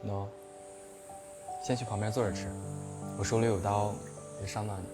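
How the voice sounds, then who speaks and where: Man playing a low-voiced, doting partner. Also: steady tone, moderate pace, natural voice. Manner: soft, coaxing. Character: tender, doting male partner, gently bossy. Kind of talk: intimate audio drama acting. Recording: music under the voice.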